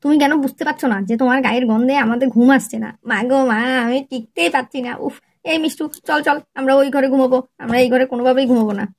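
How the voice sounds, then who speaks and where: A woman's voice: sits high, steady tone, rapid-fire. Nagging, exasperated woman storyteller. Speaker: narrator and lead actress of a comic family skit. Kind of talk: comic storytelling with acted dialogue.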